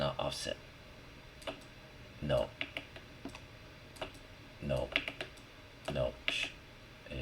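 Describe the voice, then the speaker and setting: A deep-voiced man teaches 3D modelling in a casual screen-recorded tutorial, thinking aloud informally while he works and often checking in with the listener. The recording is clearly noisy, with background noise and the sound of keyboard typing and mouse clicks.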